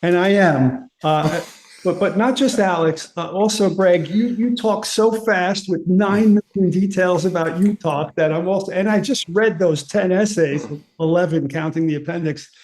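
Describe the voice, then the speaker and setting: A man presenting at a conference, reading a prepared paper aloud in an earnest, measured way. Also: sits high, darkish tone.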